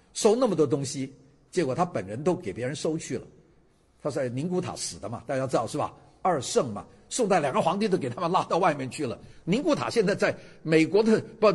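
An older male lecturer talks to a class with a husky voice, pitched a little high. His pitch swings widely as he tells stories and throws questions at the audience. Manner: animated storytelling, asks the audience questions. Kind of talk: casual lecture to students.

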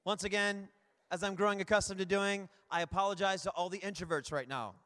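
Male preacher, very high tense voice, calls out to the crowd, church hall echo. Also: brisk. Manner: energetic, rambling, calls out to the crowd. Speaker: guest preacher. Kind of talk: lively church sermon. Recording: long hall reverb.

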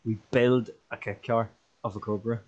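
A man's voice: fairly low pitch, little pitch movement, normal speed, a little mellow, dull audio. An Irish man co-hosting a casual podcast chat, joking, swearing freely and laughing often. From Ireland. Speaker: podcast co-host.

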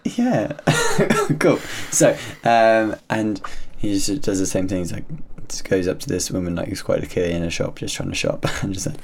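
A man with a very low voice, chatting casually and giggling a lot as he acts out people from the clips. A faint hum of room sound sits behind him. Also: big pitch swings, moderate pace, creaky. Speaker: podcast co-host, magician. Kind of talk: casual chat reacting to magic videos.

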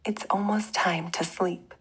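A woman leading a guided bedtime prayer in a soft, hushed, breathy voice, with a gentle and measured delivery. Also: lowish voice, fairly even intonation.

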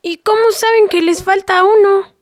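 A woman voicing a small, sensitive little girl with a Mexican accent, asking soft, whiny questions. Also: very high-pitched, steady tone, normal speed, dry recording, clean studio sound. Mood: curious.

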